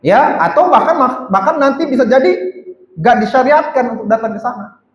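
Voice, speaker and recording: A man's voice: extremely high pitch, animated, normal speed, dull audio. A male religious teacher giving a conversational mosque lecture, often checking with his listeners. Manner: conversational, keeps checking with the audience. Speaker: ustadz teaching a weekly study circle. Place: mosque hall. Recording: echoey mosque hall.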